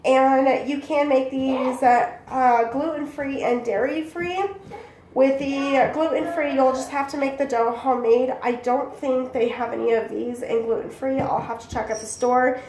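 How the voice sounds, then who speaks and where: Congested with bronchitis, a young cooking-channel host talks casually and rambles while making a recipe indoors in her small kitchen. Her high voice is a little mellow, fairly even and measured, recorded on a camera mic several feet off amid echo and background noise.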